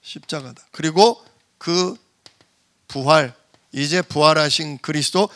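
A man's voice: sits high, animated, moderate pace, gravelly, sharp tone. A male pastor preaching a sermon, emphatic, with rhetorical questions and repetition.

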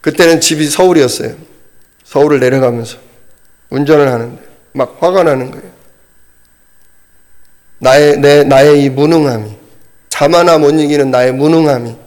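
A middle-aged man preaching a storytelling sermon, animated and wry, laughing at himself as he tells it. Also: fairly high pitch.

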